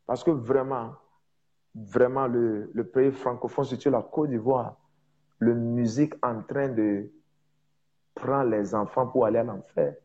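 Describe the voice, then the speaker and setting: Male evangelist, non-native French speaker with foreign accent; mellow, emphatic and repetitive delivery, dull recording. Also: medium pitch, fairly even intonation. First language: not French, speaks it as a second language. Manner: emphatic repetition, halting word searches. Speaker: preacher, prophet. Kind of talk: informal evangelistic teaching.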